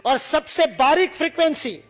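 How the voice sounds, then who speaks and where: A man's voice: very high voice, animated, moderate pace, fairly bright tone, soft background music. A man from India lecturing to students, demonstrating sounds and teasing the audience with humor.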